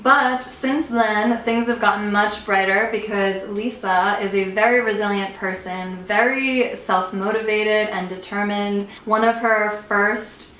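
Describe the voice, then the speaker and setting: A woman hosting a casual chat with a friend at home, chatty and quick to laugh. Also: mid-range voice, steady tone, fairly bright tone, roomy sound, slight background noise, low-quality recording. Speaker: host.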